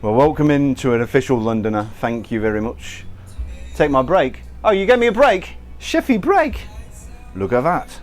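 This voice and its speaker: An American man hosts a relaxed cooking livestream from his kitchen, chatting and joking with viewers as he works. His voice sits at an ordinary middle pitch, with faint music in the background. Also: normal speed. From United States. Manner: chatty, joking, answers viewers while working. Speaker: cooking show host. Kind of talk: casual livestream chat.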